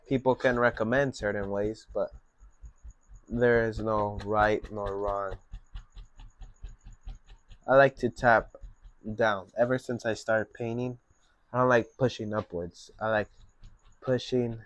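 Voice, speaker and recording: A young man giving a relaxed, step-by-step painting lesson at his easel. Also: fairly low pitch, dry recording. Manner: slow, relaxed step-by-step instruction. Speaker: painting instructor. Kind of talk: painting tutorial.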